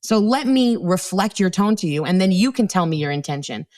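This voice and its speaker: A woman's voice: on the low side, expressive, brisk, darkish tone. A middle-aged woman speaking as a communication coach on a podcast, blunt and playful, acting out quoted tones of voice. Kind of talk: casual interview talk.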